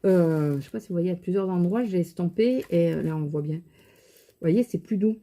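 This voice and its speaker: A woman with a regional French accent chats to camera about her shopping haul, rambling and restarting her sentences. Her voice sits a little low and has a mellow, soft tone. She sounds tired. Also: moderate pace. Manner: chatty, rambling, many fillers and restarts. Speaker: vlogger showing shopping haul and makeup. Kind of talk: casual chat to camera.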